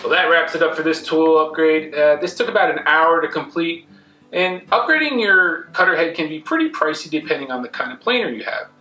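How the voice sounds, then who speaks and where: Guy in his 30s talking to camera in his wood shop, kinda high, echoey room. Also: expressive, brisk, sharp tone. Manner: plain, friendly, direct to camera. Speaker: woodworking channel host. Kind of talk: casual on-camera wrap-up. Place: indoor woodworking shop, tool wall. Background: faint guitar music.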